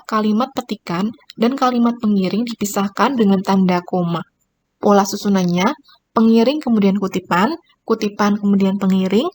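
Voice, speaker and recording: A woman's voice: mid-range voice, darkish tone. A woman teacher giving a recorded grammar lesson, explaining each point and pointing at examples on screen. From Indonesia.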